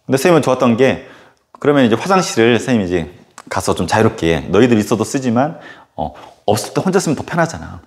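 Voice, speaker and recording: Animated male teacher telling a story. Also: medium pitch, fast. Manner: animated storytelling full of filler words and sudden acted outbursts. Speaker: middle-school history teacher. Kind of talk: casual anecdote in a recorded lecture.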